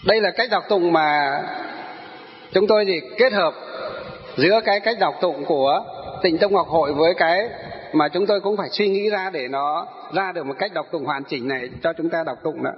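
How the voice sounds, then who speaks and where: A man with a high voice delivers a sutra lecture as a Buddhist teacher, asking rhetorical questions and then answering them. The recording sounds dull and muffled. His voice trails off into a long reverb, as in a large hall. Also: moderate pace.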